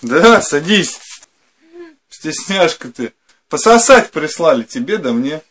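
A man's voice: fairly high pitch, sing-song, slow, a bit bright. A man in his thirties hosting a casual unboxing vlog in a small room, rambling in slangy, mildly sweary speech. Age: 30s. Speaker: host of a retro games channel. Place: small furnished room indoors.

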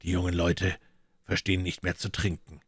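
A grim, hard-drinking musketeer, read by a man in a very low, subdued voice. He sounds bitter and brooding in an audiobook, recorded dry and close. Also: normal speed, husky, dry recording. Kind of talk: audiobook character reading.

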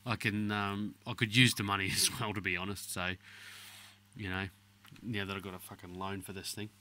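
A podcast host with a very bright, forceful male voice and an Australasian accent. He chats casually and blokily, swearing freely over a video call. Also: fairly low pitch, flat delivery, moderate pace. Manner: blokey, heavy swearing.

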